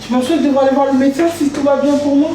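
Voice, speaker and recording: A high-voiced woman talks and sings on a live stream from her kitchen at home. She is playful and chatty. The room is very echoey, with clear noise behind her. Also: fairly even intonation, very fast, mellow, far from the mic. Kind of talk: casual live stream chat.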